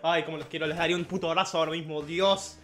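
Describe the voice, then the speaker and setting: Young man, Argentine accent, high voice, casual vlog, trips over words, swears a lot. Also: steady tone, racing, fairly bright tone. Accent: Argentine Spanish. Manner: swears freely, playful. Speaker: YouTuber. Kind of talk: casual comment-reading vlog.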